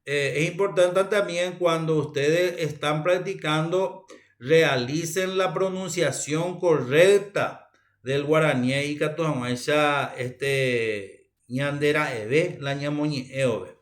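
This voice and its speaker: A man's voice: on the high side, slow. A man with a Paraguayan accent giving a recorded university language lecture, methodical and repeating key terms, with frequent "eh" fillers.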